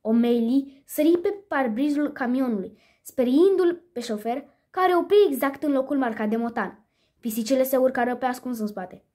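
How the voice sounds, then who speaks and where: A woman reading a children's story aloud in a lively way, with a few small slips. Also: high-pitched.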